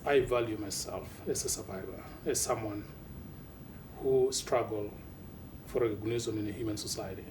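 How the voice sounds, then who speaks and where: A man, speaking earnestly and in a measured way in a documentary interview. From South Sudan. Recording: distant mic with faint low rumble.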